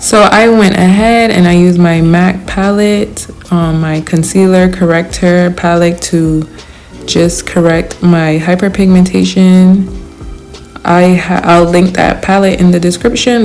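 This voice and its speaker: A woman's voice: on the low side, steady tone, measured pace, darkish tone, soft background music. A young woman giving a casual, chatty makeup tutorial voice-over in informal, slangy, emphatic language. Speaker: beauty vlogger.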